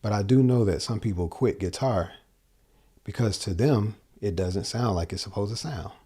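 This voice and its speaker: A husky, warm, lowish male voice at a normal pace belongs to a guitar teacher in his forties. He gives a casual lesson from a small home studio, talking in loose, rambling sentences that often correct themselves. He speaks into a large dynamic mic on a boom arm.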